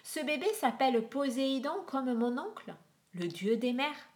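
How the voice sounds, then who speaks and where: A wary, wondering boy god of myth as a woman reader puts him on. Speaks in a quiet, musing tone in a storybook reading. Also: sits high, expressive, normal speed, voice pushed up. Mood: puzzled. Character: young boy messenger god, puzzled and wary.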